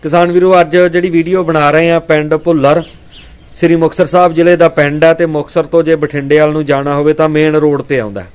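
A man's voice: a little high, steady tone, fast talker, smooth. Man touring a farm cow. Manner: friendly, addresses viewers as brothers and friends. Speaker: dairy farming vlog host. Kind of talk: casual livestock sale walkthrough. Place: outdoors on a farm.

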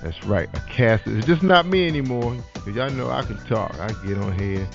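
A man hosting a casual online radio talk show, animated, with lots of shout-outs and "that's right". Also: mid-range voice, moderate pace, vocal fry. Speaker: podcast host. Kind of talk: casual internet radio chat. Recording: dull lo-fi sound with faint music.

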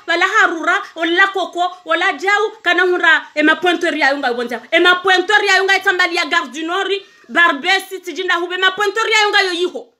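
Comorian woman, singer on a phone livestream, very high pitch, emphatic and repetitive. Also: pushed and bright. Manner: emphatic, repetitive, asks viewers for hearts. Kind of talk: casual livestream monologue.

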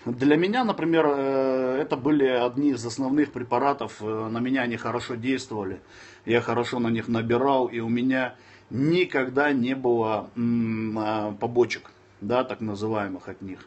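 At a medium pitch and normal speed, with the high frequencies cut off, a man in his thirties from Dagestan responds to viewers on a laid-back phone livestream from a room. He's blunt and swears a lot, alternating calm guidance with snapping at trolls, the camera close.

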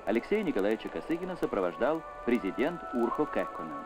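A man's voice: mid-range voice, very animated, fast talker. A man giving solemn, official narration on an old 1970s newsreel soundtrack. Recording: old newsreel with music underneath.

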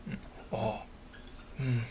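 A man voicing a simple, timid, friendly schoolboy in a German children's puppet show, speaking hesitantly to the children. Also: very slow. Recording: noisy home puppet-stage recording.

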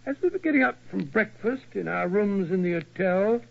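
A man's voice: high voice, animated, normal speed, gravelly, full character voice. A man acting a genial, fussy older English doctor with a British accent, in 1940s radio style. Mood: genial, storytelling. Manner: bluff, chatty, fussy. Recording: dull, lo-fi old radio recording.

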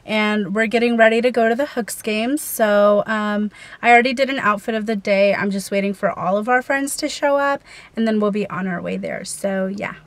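In a lifestyle vlog shot in a parked car and then a small bedroom doorway, a young Texas woman talks casually and cheerfully, leaning on many fillers. Her voice sits mid-range and moves at a moderate pace.

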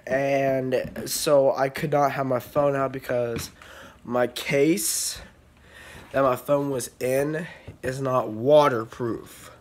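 Young male vlogger, unwell, slow, rambling casual delivery. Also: mid-range voice, steady tone. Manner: rambling, filler-heavy, coughs and clears throat. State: feeling unwell. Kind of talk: casual vlog chat. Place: outdoors in heavy rain, then indoors.

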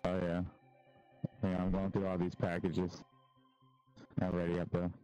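Mellow low-voiced male gamer. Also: monotone, moderate pace, clear, resonant tone, soft background music, rough recording. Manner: brief, easygoing replies. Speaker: teammate on voice chat. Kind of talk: casual gaming chat.

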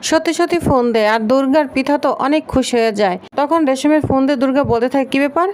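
A woman telling an episode recap in a brisk storytelling manner, stringing scenes together one after another. Her voice is high and the pace often quick. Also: a little mellow. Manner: storytelling, repeatedly linking with "then she says". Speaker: narrator. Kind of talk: fast recap narration of a TV serial episode.

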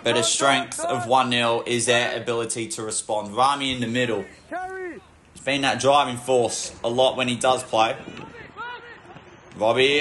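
A man giving football match commentary in measured phrases that lift with the play. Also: medium pitch. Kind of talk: sports commentary. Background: music.

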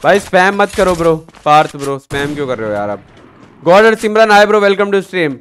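High-voiced brash male game streamer. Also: animated, fairly quick. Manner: loud, brash, swears at teammates while greeting viewers. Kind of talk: live game stream with team chat. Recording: gunfire noise behind.

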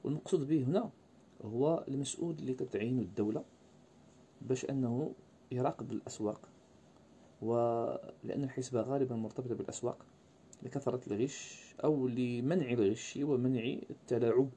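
A man lecturing, often pausing on fillers and asking his listeners rhetorical questions. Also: medium pitch, mellow, slight background noise. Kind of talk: university-style lecture.

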